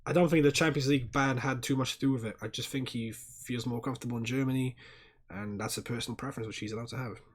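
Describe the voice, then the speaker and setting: A young man streaming a football watchalong, chatting casually and swearing, and breaking into loud high-pitched rants at fouls. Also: steady tone, quick pace, husky.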